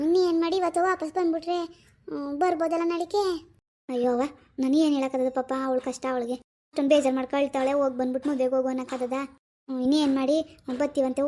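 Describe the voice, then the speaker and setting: A woman plays a fretful older village mother in a cartoon. She chatters quickly, sighing and fussing. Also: sits high, darkish tone, natural voice. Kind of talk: animated cartoon voice acting.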